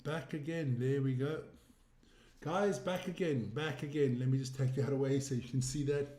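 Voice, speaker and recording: Speaking with a steady, mellow, medium-pitched voice at normal speed, a man with a South African English accent runs a casual livestream. He rambles over sports stats and reads comments from viewers, and the room sounds echoey.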